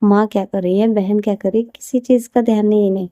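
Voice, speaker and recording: A woman's voice: medium pitch, fairly even intonation, fast, mellow, no room sound, close to an everyday voice. A woman voicing a playful young wife who teases and protests that she is innocent. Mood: teasing. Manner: teasing, protesting. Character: playful young wife, teasing sister-in-law. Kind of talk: storybook character voice.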